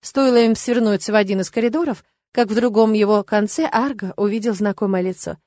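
Woman narrator, audiobook reading, medium pitch, dry close sound. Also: brisk, dark tone, dry recording. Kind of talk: scripted narration.

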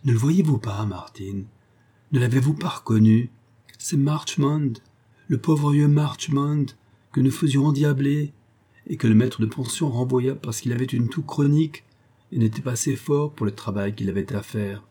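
A man voicing an eager, warm-hearted young English gentleman who speaks up earnestly for a friend. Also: mid-range voice, normal speed, slightly rough, natural voice. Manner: earnest, indignant in defence of a friend. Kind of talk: audiobook character voice.

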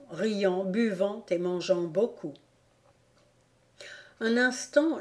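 A woman narrates an old novel in a measured, even storytelling manner. Her pace is slow and deliberate, and her voice has a dark, mellow tone. It is an audiobook reading. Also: mid-range voice. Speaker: audiobook reader. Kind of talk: scripted narration of a classic novel.

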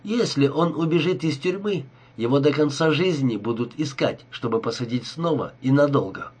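A man's voice: on the high side, normal speed, a little mellow, husky. A man voicing a cold, scheming male crook who talks with sneering irony, in an audiobook reading. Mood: scornful. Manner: sneering, ironic.

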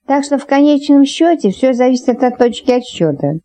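A woman narrating an audiobook, reading lively and shifting her pitch to voice each character. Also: normal speed.

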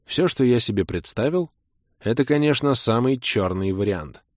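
A man's voice: medium pitch, animated, moderate pace, no echo, clean studio sound. A young man narrating a first-person audiobook with a wry, self-ironic tone.

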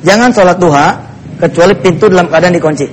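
A man's voice: high-pitched, fast, a little hiss or hum. A man preaching a dawn sermon, joking and teasing his listeners. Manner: joking, playful asides to the audience. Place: mosque.

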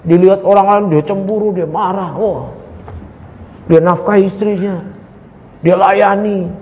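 A man's voice: high-pitched, steady tone, a little slow, a little mellow, a little hiss or hum. A man teaching an Islamic study class. He recites Arabic lines and then explains them, and he often asks the audience rhetorical questions and jokes with them. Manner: casual with playful jokes. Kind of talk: religious study lecture. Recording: dull, echoey lecture hall recording.

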